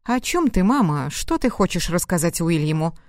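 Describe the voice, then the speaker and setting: A woman's voice: on the low side, very animated, normal speed, no room sound. Woman doing a nervous middle-aged son, whiny and defensive, dry close sound. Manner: pleading, defensive. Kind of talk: audiobook reading.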